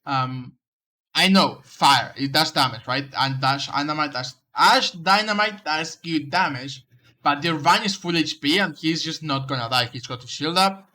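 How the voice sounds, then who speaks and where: A man's voice: on the high side, normal speed, bright, forceful tone. A man reviewing someone's game footage, coaching them in casual commentary, often stumbling and restarting his sentences. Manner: coaching, direct advice.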